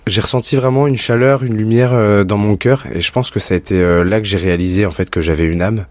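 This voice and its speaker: Very low-voiced young man, hesitant. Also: fairly even intonation, fast, dry recording. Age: young adult. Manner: hesitant, many fillers. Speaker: guest. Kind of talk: personal testimony in an interview. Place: radio studio.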